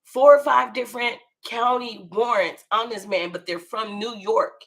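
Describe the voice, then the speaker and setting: Telling a story from her own life, this American woman speaks a little slowly in a fairly high, fairly bright voice. She's slangy and profane, performs the quoted dialogue, and keeps checking in with her listener.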